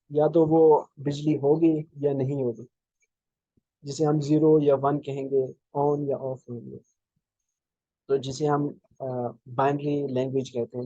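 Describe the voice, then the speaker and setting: A man giving a programming lecture, explaining slowly with many fillers and restarts, over a video call. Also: medium pitch, dark tone, dry recording, lo-fi sound. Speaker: programming instructor. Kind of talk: live online lecture.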